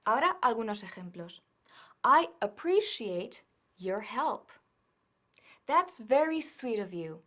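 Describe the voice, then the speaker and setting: Slow, careful woman teaching English. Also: on the high side, very animated, a bit bright. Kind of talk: scripted language lesson.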